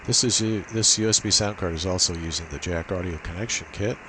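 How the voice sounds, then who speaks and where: Halting and thinking out loud, a ham radio operator with a low-pitched voice narrates a casual tech demo of his setup on screen. Everything is captured through his laptop's built-in mic, which adds a steady, cheap-sounding hiss.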